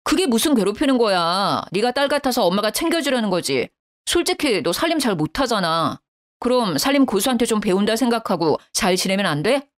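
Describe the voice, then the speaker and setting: A woman's voice: medium pitch, big pitch swings, brisk, lightly acted. A woman voicing an irritated young husband. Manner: irritated, defensive.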